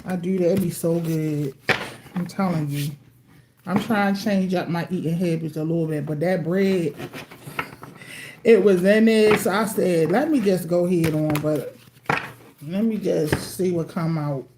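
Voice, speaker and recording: Laid back woman reading tarot live from home, slow easy talk, kinda low voice, chatty, y'all this y'all that. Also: steady tone, noisy background. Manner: chatty, eats while talking, addresses viewers as y'all. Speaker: tarot card reader. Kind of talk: casual livestream tarot reading. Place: at home with TV playing.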